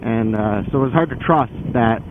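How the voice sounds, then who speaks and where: Male motorcycle vlogger, conversational and loosely rambling, mid-pitched voice, tinny narrowband sound with clear vehicle noise. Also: normal speed. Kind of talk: casual explanatory vlog while riding. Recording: phone-like band, loud wind and engine noise. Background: loud vehicle and outdoor noise.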